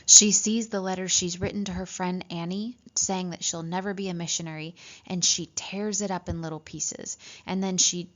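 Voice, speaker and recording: A woman teaching a literature lesson, reading passages from a story and explaining them, often checking in with "right?" and pausing on "um". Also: on the low side, steady tone. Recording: dull lo-fi recording.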